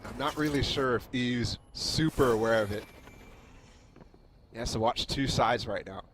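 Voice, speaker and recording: A man's voice: mid-range voice, normal speed, noisy background. A man working as an esports caster, giving live analysis and explaining tactics.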